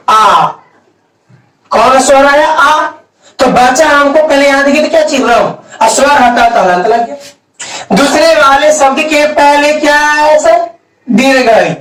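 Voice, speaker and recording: Man, grammar teacher, quiz-and-answer style, unhurried, distant echoey mic. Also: extremely high pitch, a bit bright. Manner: asks questions and answers them himself, drawn-out words. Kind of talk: blackboard grammar lesson. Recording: echoey room, mic far off.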